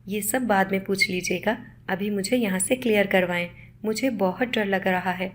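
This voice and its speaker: A woman's voice: medium pitch, close to an everyday voice. A woman voicing a frightened young maid in an audio story, pleading and anxious.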